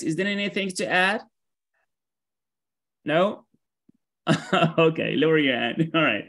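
Slow, bright-voiced man teaching English online. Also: fairly high pitch. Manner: keeps saying "great" and "right?", switches between English and Arabic.

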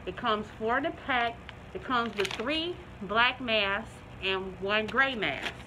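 A middle-aged woman reviewing a product in a casual vlog, talking through a face mask, chatty and relaxed with many ums and restarts. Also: a little high, slow pace, noisy background.

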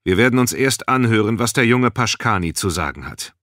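A man voicing a stern, measured starship commander who speaks calmly and with authority. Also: fairly low pitch, dry recording, clean studio sound, pitched above the performer's own voice.

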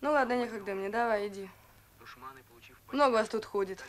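An actress playing a curt, irritated shop clerk in a Soviet film drama. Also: female voice, medium pitch, moderate pace, natural voice. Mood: impatient.

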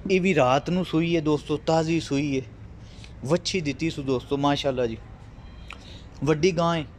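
A man with a mid-pitched voice talks casually into a phone camera out on an open farm field. His sales patter is friendly and repetitive, and he keeps turning to address his viewers as friends. Faint outdoor ambience sits behind him. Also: a little mellow, a little hiss or hum. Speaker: livestock sales vlogger.

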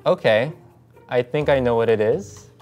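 A man's voice: medium pitch, moderate pace, darkish tone, soft background music. A young man chatting casually as a contestant in a studio guessing game. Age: young adult. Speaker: graphic designer, game contestant. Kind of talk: casual chat. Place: small indoor studio set.

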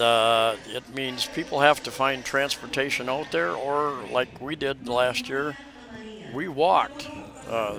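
Rambling man narrating a walking tour. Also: medium pitch. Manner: rambling, many hesitations and restarts. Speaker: travel vlogger. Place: outdoors on a crowded city street during a festival. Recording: loud street crowd around.

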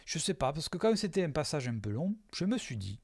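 A man's voice: fairly high pitch, big pitch swings, fairly quick, no echo, clean studio sound. A man casually commenting live on his own video, hesitant with lots of fillers and self-mocking jokes.

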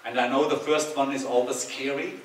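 A man, chatting easily and joking with his audience as he takes questions. His voice sits at an ordinary pitch. It bounces around a big hard-walled hall and sounds a little distant from the mic. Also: brisk, a little hiss or hum. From Austria. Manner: relaxed, conversational, jokes with the audience. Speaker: speaker giving a talk and Q&A. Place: large bright hall with hard walls, indoors. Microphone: headset mic. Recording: echoey hall, speaker a bit off-mic.

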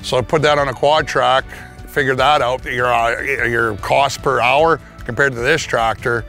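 Outdoors in a farm yard, a plain-spoken middle-aged Canadian farmer gives a casual testimonial interview on a lapel mic, faint music behind him. His medium-pitched voice is sharp-toned, fairly even and measured, and he restarts his sentences now and then.

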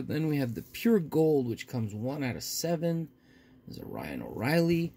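Gravelly man casually hosting an unboxing. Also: medium pitch, darkish tone. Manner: folksy, often addressing viewers. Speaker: host of a card pack opening video. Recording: faint noise with crinkling wrappers.

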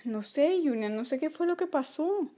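A woman voicing a gentle, worried toy mother who speaks softly and soothingly in a toy play video. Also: sits high, expressive, normal speed. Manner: soft, soothing, apologetic.

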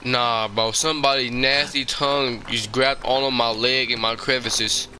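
A man's voice: medium pitch, steady tone, normal speed, sharp tone, a little hiss or hum. A man giving casual, slangy commentary on a horror game, talking informally to the game and viewers.

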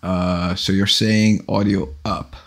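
Speaking slowly from a small home office, this livestream host, a man in his forties, has a low, husky voice and a relaxed, wandering manner, often correcting himself. He uses a large boom-arm studio microphone and wears headphones.

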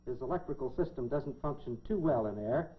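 A scripted 1950s educational science film features a middle-aged American man in a lab coat, presenting on an indoor lab set with folksy, dry humor. His mid-range voice is brisk with lively intonation, heard through a dull, clearly noisy 1950s film soundtrack.

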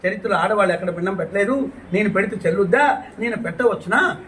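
A man's voice: high voice, fast, fairly bright tone, recorded from a distance, a little hiss or hum. A man voicing a meek young queen in a told story, asking hesitant questions. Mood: worried.

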